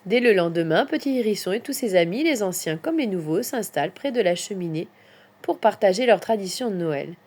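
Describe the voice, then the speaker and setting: A woman narrating a children's Christmas story in an expressive storyteller's manner. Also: medium pitch, a little fast. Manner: expressive, lilting.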